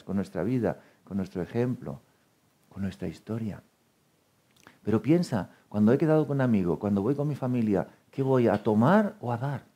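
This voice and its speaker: Mellow husky man giving a talk. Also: mid-range voice. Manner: lively storytelling, acts out quoted dialogue, laughs often. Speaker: speaker at a meditation talk. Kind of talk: spiritual talk to a live audience.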